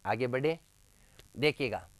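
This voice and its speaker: A man's voice: mid-range voice, expressive, slow, no echo. A male teacher giving a classroom lecture, asking questions and answering them himself, repeating key terms with emphasis. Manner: addresses listeners as friends, emphatic.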